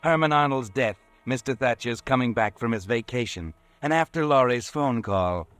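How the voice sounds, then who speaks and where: A man playing the Whistler, an eerie, all-knowing narrator who walks by night, telling the story slowly and ominously in a 1940s radio drama. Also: medium pitch, lively intonation, fairly bright tone, no echo, lightly acted. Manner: slow, ominous, measured storytelling. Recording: old radio recording with faint music.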